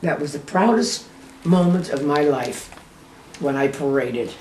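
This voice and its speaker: An old American woman reminisces as a war veteran. Her phrases come short and halting as she remembers. She is picked up from a distance in a roomy space with faint noise. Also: deep voice, a little mellow. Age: 80s or older. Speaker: war veteran being interviewed. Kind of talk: unscripted reminiscing.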